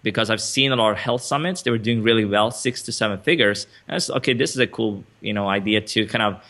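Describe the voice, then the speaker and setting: Swedish-born guy on a video call interview, kinda low voice, bright, rambles w lots of uhs. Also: quick pace. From Sweden. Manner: chatty, many fillers and restarts, laughs often. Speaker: interview guest, entrepreneur. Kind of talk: casual interview conversation.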